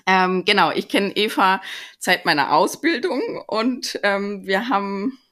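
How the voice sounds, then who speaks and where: A woman hosts a casual podcast conversation. She talks slowly, with a pitch that rises and falls a lot, and chats in a storytelling way. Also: expressive, a bit bright. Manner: chatty, storytelling. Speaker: podcast host.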